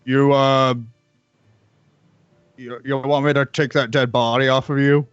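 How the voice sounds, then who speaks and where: A man speaking haltingly and stammering as he plays a character in a tabletop role-playing game. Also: medium pitch, flat delivery, clear, resonant tone, dry recording. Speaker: player. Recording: muffled sound with music behind. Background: music.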